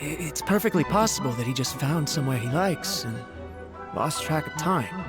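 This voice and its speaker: A man's voice: fairly high pitch, lively intonation, normal speed, over loud music, natural voice. A man voicing a nervous, deferential young clan retainer in a video game, hesitant and very polite. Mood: worried.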